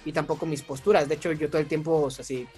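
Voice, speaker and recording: A man's voice: a little high, fairly even intonation, very fast, a little mellow, soft background music. A young man with a Mexican accent, chatting as an interview guest, talkative and self-mocking, laughing often. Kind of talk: casual chat.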